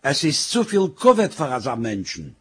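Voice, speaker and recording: A man's voice: a little high, sing-song, moderate pace, slightly rough. A man telling a comic story, full of wry "sag ich" asides.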